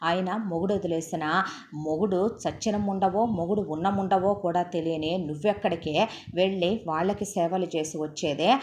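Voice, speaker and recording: A woman's voice: on the low side, normal speed, darkish tone, slight background noise, natural voice. A woman doing a spiteful scolding woman relative. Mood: taunting. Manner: taunting, abusive.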